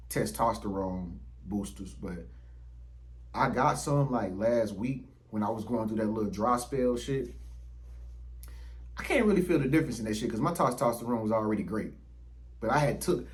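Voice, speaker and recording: A man's voice: lowish voice, a little mellow, rough recording. A man in his thirties hosting his own channel, talking casually to the camera in a slangy, profane, rambling way full of fillers. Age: 30s. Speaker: YouTube channel host. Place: indoors under ring lights.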